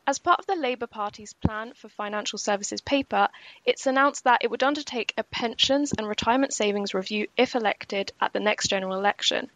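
A woman co-hosting a podcast, reading a scripted pension news summary in a measured, explanatory way. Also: a little high, fairly bright tone, no echo. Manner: measured and explanatory, slowing for key points. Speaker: podcast co-host.

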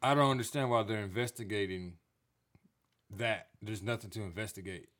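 Lower-voiced man dropping blunt remarks. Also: normal speed, fairly bright tone. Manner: short agreeing interjections, blunt. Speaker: podcast co-host. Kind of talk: casual podcast chat.

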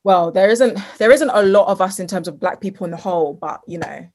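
A woman's voice: on the low side, brisk, a little mellow. A woman speaking reflectively in a casual panel discussion.

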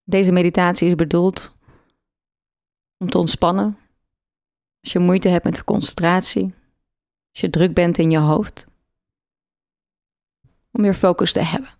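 A woman leading a guided meditation, speaking slowly and soothingly with long pauses between phrases. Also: lowish voice, fairly even intonation, a little mellow, no room sound, clean studio sound.

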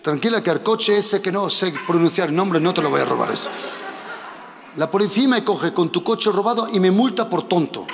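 A man from preaching a sermon, animated and repeating his instructions to the congregation. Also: sits high, a little fast, vocal fry, background noise. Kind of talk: sermon with live demonstration. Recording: long reverb of a hall.

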